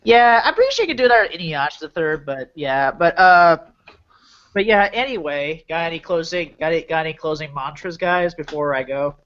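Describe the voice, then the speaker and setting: Higher-voiced man hosting, dull lo-fi audio. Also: sing-song, a little fast, fairly bright tone, clear, resonant tone. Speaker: podcast host. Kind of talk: casual podcast chat.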